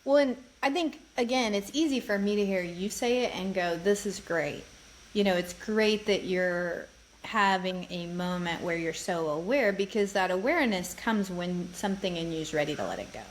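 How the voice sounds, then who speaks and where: A woman co-hosting a podcast, speaking in an encouraging, animated, casual way. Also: medium pitch, moderate pace, a little hiss or hum, rough recording. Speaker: podcast co-host. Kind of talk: casual chat.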